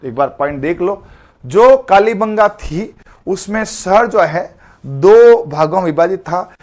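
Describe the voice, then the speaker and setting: Male tutor, fairly high pitch, informal, joking live online class. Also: lively intonation, measured pace, darkish tone. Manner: chatty, calls students beta, jokey memory tricks. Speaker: teacher.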